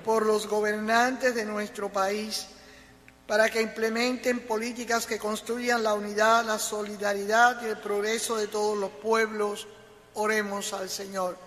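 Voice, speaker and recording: Lector agudo con eco de catedral. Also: male voice, sits high. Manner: slow, even reading. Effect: cathedral echo. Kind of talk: reading prayers of the faithful. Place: large church. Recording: long church reverb.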